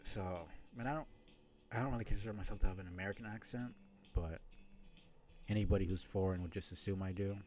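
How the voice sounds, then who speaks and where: A man's voice: low-pitched, fast, pauses often, a little mellow. A man from New York City streaming a game, thinking aloud in a rambling, filler-heavy way. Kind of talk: let's-play commentary.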